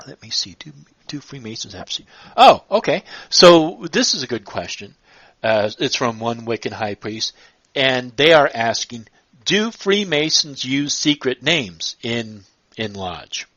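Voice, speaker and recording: A man's voice: medium pitch, big pitch swings, a little slow, fairly bright tone, no room sound. Hesitant male podcast host, dry lo-fi sound. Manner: hesitant, many fillers and restarts. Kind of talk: casual live-streamed interview.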